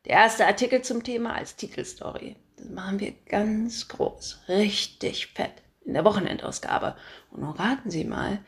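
Woman doing a loud pushy editor boss, booming and domineering, in a read-aloud story. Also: normal speed, natural voice. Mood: bossy. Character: loud bossy male newspaper chief editor.

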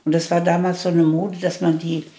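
An older woman in an interview, telling her life story candidly, halting at times and pressing hard on key points. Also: lowish voice, flat delivery, warm tone.

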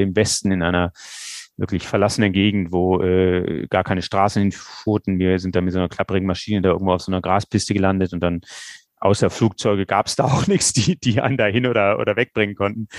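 A middle-aged man with a low voice tells of his years as a doctor in an interview. He hesitates often and restarts sentences, filling gaps with small sounds. The recording is dry and close. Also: dry recording. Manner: hesitant, many fillers and restarts. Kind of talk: recounting experiences in an interview.

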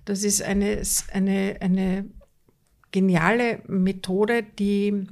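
A woman's voice: mid-range voice, little pitch movement, drawn-out words, a little mellow. A woman coach speaks in an interview with earnest conviction and lays stress by repeating key words. Her talk is conversational and full of small restarts.

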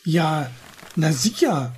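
A man's voice: fairly high pitch, big pitch swings, takes it slowly, a little hiss or hum. A man playing a clumsy young husband. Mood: grumbling. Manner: grumbling, then panicked shouting. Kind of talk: radio play acting.

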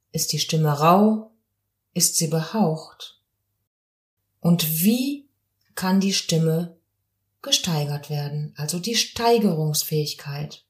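A woman voice coach talks through a podcast lesson at an unhurried, measured pace. Her voice sits a bit low and she explains calmly, one question after another. The room around her rings with a noticeable echo. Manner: calm, explanatory, demonstrates voice sounds.

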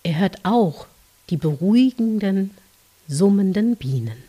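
A woman guides children through a dream journey in a soft, soothing voice. Her tone is mellow and breathy, often close to a whisper. She reads very slowly and gently, leaving long, calm pauses between phrases. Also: medium pitch. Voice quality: soft, breathy, hushed, at times near whisper. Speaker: narrator of guided relaxation for children.

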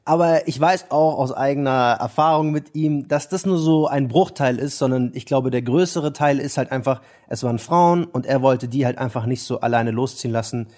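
A man in a relaxed podcast conversation at an ordinary pitch. He reflects on his family's habits and asks the others about their own experiences. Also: moderate pace, few pauses. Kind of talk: casual chat.

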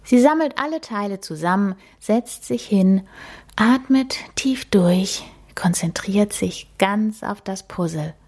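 A woman reading a children's storybook aloud in a gentle, expressive, half-whispered way. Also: medium pitch, slow pace.

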